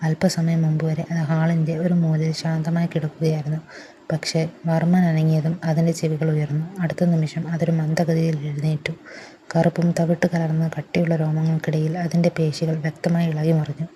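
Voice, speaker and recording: Low, flat-voiced woman narrating a story. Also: a little fast, slight background noise. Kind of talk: scripted dramatic narration.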